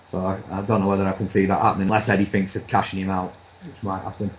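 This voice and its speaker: A man chatting casually as a pundit, relaxed and rambling, with a light laugh now and then. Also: sits low, racing, a little hiss or hum, poor audio. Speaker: boxing pundit. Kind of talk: casual chat.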